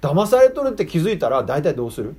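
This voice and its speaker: A preacher gives a casual sermon to children, chatting and asking them questions in a sing-song, slightly high voice. He talks quickly with a somewhat mellow tone, and there's a little background noise.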